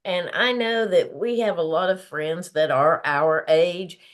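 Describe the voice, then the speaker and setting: Woman in her 50s hosting a pep-talk show, laughs a lot, slow easy pace. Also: fairly low pitch. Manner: laughs often, earnest and encouraging. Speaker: podcast host. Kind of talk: casual motivational talk.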